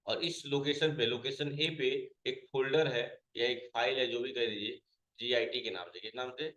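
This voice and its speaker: A man runs a computer class at a mid pitch, neither high nor low. He keeps putting questions to his students and then answers them himself, repeating each key point. The room around him is echoey. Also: moderate pace, fairly bright tone, highs cut off. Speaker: computer teacher. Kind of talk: classroom lesson.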